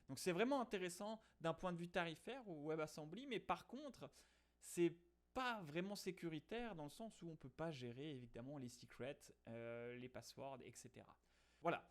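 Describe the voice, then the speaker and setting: A man hosting a casual coding tutorial, explaining in a lively way with fillers and quick self-corrections. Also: medium pitch. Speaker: programming tutorial host.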